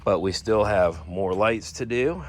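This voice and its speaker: A man giving a casual walkaround of a vehicle he is giving away. He rambles, loses his train of thought and slips into a playful infomercial-style sales pitch. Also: unhurried, a little hiss or hum. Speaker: vlogger showing a vehicle giveaway.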